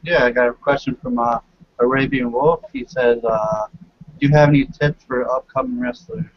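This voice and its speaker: A man's voice: mid-range voice, lively intonation, normal speed, no room sound. Podcast guy reading a listener question, lots of uh, dry dull sound. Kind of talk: casual podcast interview.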